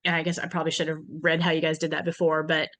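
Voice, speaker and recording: A woman's voice: low voice, completely flat delivery, fast talker, fairly bright tone. A woman teaching a farm business workshop in a frank, chatty way, with many fillers and restarts. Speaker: workshop instructor. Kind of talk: conversational farm business lesson.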